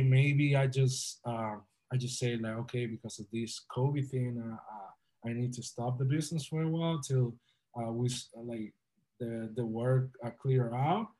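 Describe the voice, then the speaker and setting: A man's voice: medium pitch, fairly even intonation, normal speed, a little mellow. A young man from the Republic, telling his story as a podcast guest in an earnest, upbeat, motivational way. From Dominican Republic. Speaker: guest entrepreneur. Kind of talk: casual podcast interview.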